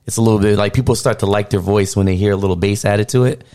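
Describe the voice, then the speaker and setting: A man's voice: fairly low pitch, fairly even intonation, fast, mellow. A middle-aged man speaking casually as a podcast co-host.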